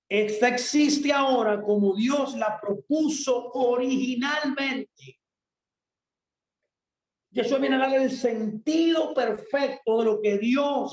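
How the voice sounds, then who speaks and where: A man's voice: very high-pitched, roomy sound, rough recording. A man preaching a sermon in an emphatic way, putting questions to himself and answering them.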